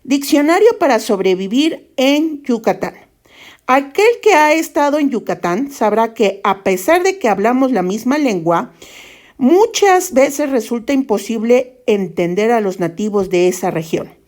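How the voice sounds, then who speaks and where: Brief: woman teacher, slightly high voice, patient and explanatory. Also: very animated, a little mellow. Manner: measured, with fillers such as "este" and "pues". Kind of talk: explanatory lesson narration.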